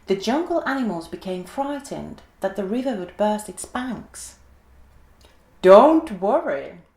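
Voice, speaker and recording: A woman gently and expressively reading a children's story aloud in an echoey room. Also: medium pitch, lively intonation, normal speed.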